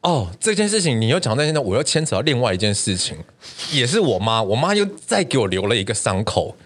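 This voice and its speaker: Fast-talking animated man telling stories. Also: medium pitch. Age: 30s. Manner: animated storytelling, swears often, big laughs. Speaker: podcast co-host. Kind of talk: casual podcast chat.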